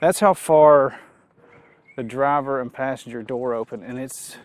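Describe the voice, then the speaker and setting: A man giving a casual, chatty walkaround review of a vehicle, relaxed and full of fillers. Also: mid-range voice, measured pace, dry recording. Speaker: car reviewer.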